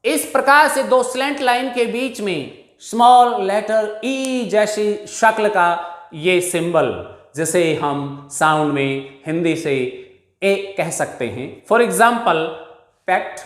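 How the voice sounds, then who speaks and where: A man with an Indian accent teaching an English pronunciation lesson, slowly drawing out each example word. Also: high-pitched, lively intonation, a bit bright, roomy sound.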